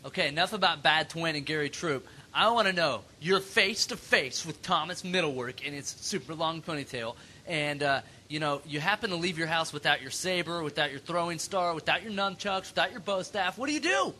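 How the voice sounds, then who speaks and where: A man's voice: on the high side, brisk, sharp tone, slight background noise. A man hosting a comedy podcast, chatting casually and reading listener emails in a playful, jokey way. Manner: jokey, playful, reads emails in mock voices. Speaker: podcast host.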